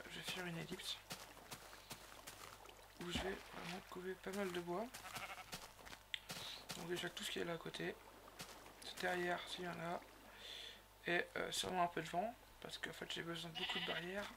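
Rambling man narrating his gameplay, gravelly voice. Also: sits high, heavy background noise. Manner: rambling, hesitant, with many fillers and self-corrections. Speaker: gaming video host. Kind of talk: casual gameplay commentary. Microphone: raised gaming mic.

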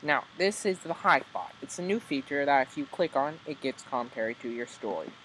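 A man hosting a video, casually commenting with many hesitant ums as he tries out story software. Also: medium pitch, animated, a little fast, a little hiss or hum, low-quality recording.

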